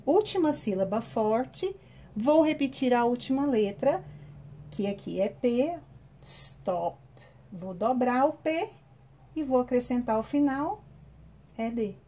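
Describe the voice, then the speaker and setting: A woman teacher with a Brazilian Portuguese accent giving a recorded online class, spelling out grammar rules slowly and step by step. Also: on the high side, expressive, warm tone, a little hiss or hum. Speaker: English teacher.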